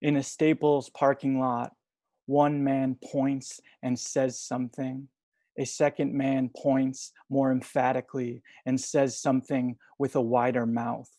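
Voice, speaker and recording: Young guy reading poetry on a video call, soft spoken, umms a lot, mellow flat voice. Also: mid-range voice, unhurried, dry recording. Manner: soft-spoken, hesitant with fillers between readings. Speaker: poet reading at a livestream.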